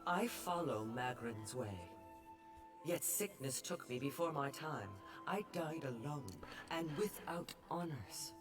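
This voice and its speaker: A woman's voice: sits low, expressive, takes it slowly, faint music behind. A woman voicing the ghost of a proud dead navigator, speaking in a stately, formal, aggrieved way. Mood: grieving.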